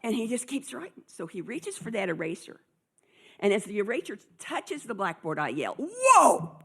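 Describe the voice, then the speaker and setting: A husky-voiced woman tells a story from the stage, her pitch leaping as she plays each person in the scene. She speaks to a conference audience in a loose, conversational way. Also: moderate pace. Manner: animated storyteller acting out dialogue.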